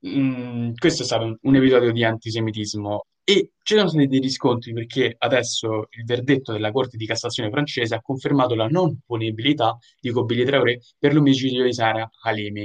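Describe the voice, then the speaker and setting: A young man co-hosting a casual news chat, talking in a loose, digressive way and breaking into laughter now and then. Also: medium pitch. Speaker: co-host.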